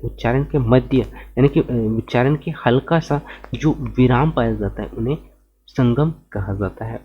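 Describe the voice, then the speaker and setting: A man teaches an exam-prep grammar lesson at an ordinary mid pitch. He builds each point step by step, repeats himself for emphasis and checks in with his listeners. The recording is slightly dull and lo-fi. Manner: addresses listeners as friends, repeats "okay" and "isn't it" often.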